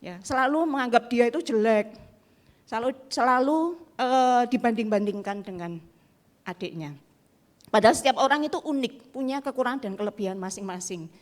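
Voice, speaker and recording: A woman pastor, preaching a sermon in a lively storytelling way and acting out the people in her stories. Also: on the high side, moderate pace. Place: church.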